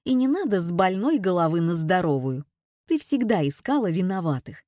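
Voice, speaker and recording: A woman's voice: on the low side, very animated, moderate pace, mellow, no echo. A woman voicing a blunt, self-assured older sister, in a dry, close recording. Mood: sardonic. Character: older woman, strong-willed sister settled abroad.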